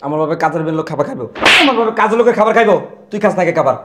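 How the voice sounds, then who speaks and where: An actor playing a hot-tempered husband who rough-talks and scolds his wife and her relatives over his father. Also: high-pitched, lively intonation, very fast, reverberant, very noisy. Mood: angry scolding. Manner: shouting, scolding, rough colloquial speech. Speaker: angry son defending his father.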